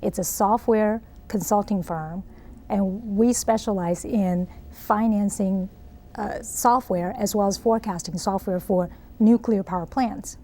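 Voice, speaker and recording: A woman's voice: mid-range voice, measured pace, dark tone. A middle-aged woman from Taiwan with a Taiwanese accent, earnestly explaining her ideas as an interview guest. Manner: earnest, explanatory, frequent laughs. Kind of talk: interview answers.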